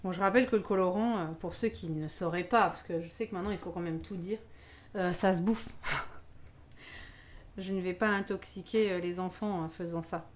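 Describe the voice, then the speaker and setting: On a live baking stream, a woman chats casually with her viewers, exclaiming over her work and laughing a lot. Her voice sits on the low side and she talks at a normal speed.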